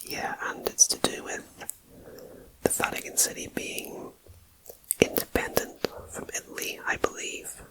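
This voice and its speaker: A fully unvoiced whisper, slow and unhurried, moving between ears on a binaural microphone. This ASMR host reads numbered facts and drifts into relaxed, chatty asides. The delivery stays hushed and intimate throughout. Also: rough recording. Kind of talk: whispered ASMR fact reading. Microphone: binaural ear-to-ear microphone.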